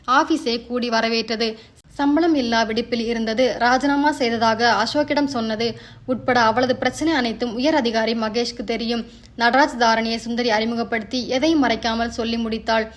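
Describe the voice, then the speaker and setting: A woman narrating a short story aloud in a steady, even reading style. Her voice sits fairly high. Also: moderate pace.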